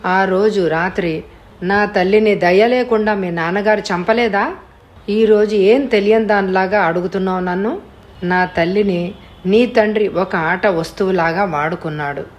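A woman's voice: medium pitch, unhurried, close to an everyday voice. A woman reading a harsh, vengeful man. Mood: bitter. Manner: harsh, mocking. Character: vengeful man, cruel and bitter. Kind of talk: audiobook character voice.

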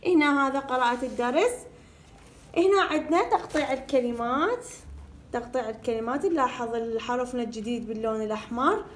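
A woman teaching first graders to read, sounding out syllables slowly and repeating each word. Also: on the high side. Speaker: primary school teacher. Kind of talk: reading lesson for first graders.

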